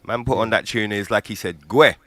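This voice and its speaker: Man, low pitch, bright forceful tone, slangy casual chat, repetitive emphasis. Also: steady tone, brisk, dry recording. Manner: slangy, repeats words and tag questions.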